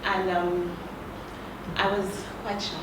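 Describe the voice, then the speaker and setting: A woman in her thirties with a slightly low voice speaks calmly and earnestly about modeling. She is recorded from a distance in a very echoey room, with background noise throughout. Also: slow. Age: 30s. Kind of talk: casual interview.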